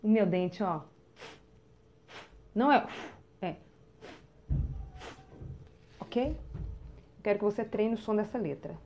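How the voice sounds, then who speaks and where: Slow, patient Brazilian woman teacher. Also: mid-range voice, expressive, lo-fi sound, slight background noise. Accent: Brazilian Portuguese. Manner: slow, drawn-out sounding of syllables to the viewer. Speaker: literacy teacher. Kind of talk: children's phonics lesson.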